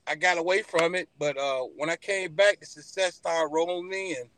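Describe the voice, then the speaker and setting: High-voiced Southern man telling folksy stories. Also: normal speed, low-quality recording. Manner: animated, folksy, repeats phrases for emphasis. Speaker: podcast guest, barbecue pitmaster. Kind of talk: casual storytelling interview.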